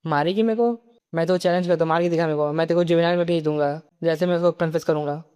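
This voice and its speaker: A man reading the lines of an anxious, insistent teenage schoolboy in a comic recap, fast and smooth. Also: fairly high pitch, steady tone, darkish tone, natural voice. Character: worried, stubborn teenage schoolboy.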